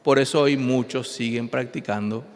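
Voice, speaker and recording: A man's voice: medium pitch, steady tone, moderate pace. A pastor preaching an emphatic sermon, his voice rising and falling. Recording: long hall reverb.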